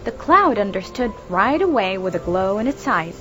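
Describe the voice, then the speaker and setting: A woman narrating a children's story in an expressive, animated storytelling manner. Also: medium pitch, moderate pace, lo-fi sound. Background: background music.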